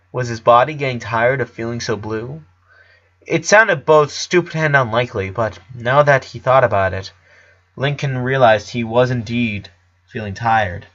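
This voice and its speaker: In dull-sounding audio, a man with a mid-range, fairly bright voice narrates a story dramatically. He's a fan fiction reader doing audiobook-style narration with character voices.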